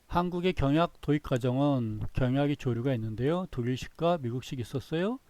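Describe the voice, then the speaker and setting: A man's voice: mid-range voice, animated, fast, darkish tone, no room sound. A man giving a recorded business lecture, reading through slides in short phrases and often repeating himself.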